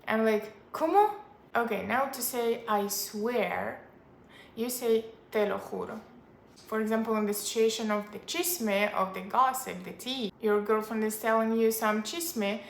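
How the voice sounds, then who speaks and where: A woman's voice: medium pitch, a little hiss or hum. Upbeat woman teaching phrases, echoey room. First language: not Spanish or English. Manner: chatty and upbeat, repeats phrases slowly for learners. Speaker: language teacher. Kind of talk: casual language lesson to camera.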